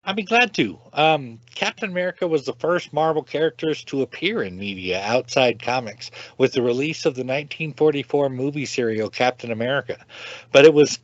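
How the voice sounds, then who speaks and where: A man's voice: mid-range voice, fairly quick, no echo, highs cut off. A man co-hosting a podcast, talking casually and with strong opinions, often repeating a word as he goes. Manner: chatty, opinionated, repeats words while talking. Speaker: podcast co-host.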